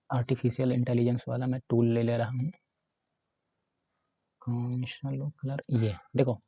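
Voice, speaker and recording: A man's voice: medium pitch, mellow, no room sound, dull audio. A man teaching a Hindi grammar lesson for exam preparation, explaining step by step while writing and often checking in with his students.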